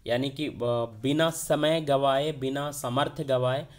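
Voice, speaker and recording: A man's voice: medium pitch, fairly even intonation, measured pace. A man teaching an exam vocabulary lesson, posing questions to himself and answering them as he goes.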